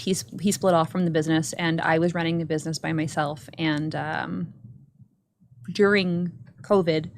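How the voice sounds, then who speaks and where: A woman's voice: deep voice, creaky. Earnest woman telling a heartfelt story. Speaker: dance studio owner. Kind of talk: casual interview talk.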